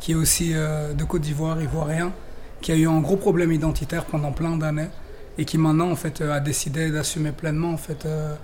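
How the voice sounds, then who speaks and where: A man's voice: a little high, a little mellow, a little hiss or hum. A young man from Belgium, a rapper guest in a radio interview, talking chattily with many fillers and restarts.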